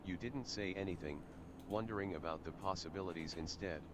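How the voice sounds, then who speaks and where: Deep older male text-to-speech voice. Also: fairly quick. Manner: reads everything in one mechanical way, lines and narration alike. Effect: text-to-speech screen reader voice. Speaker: game text reader. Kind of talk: reading game narration and dialogue aloud. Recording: synthetic voice with clear background noise.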